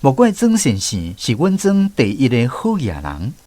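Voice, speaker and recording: Over a music bed, a Taiwanese-accented man tells a scripted radio story in a folksy style, drawing out his phrases. His mid-range voice has a dark tone and huge swings in pitch, he speaks at a normal speed, and there is no echo.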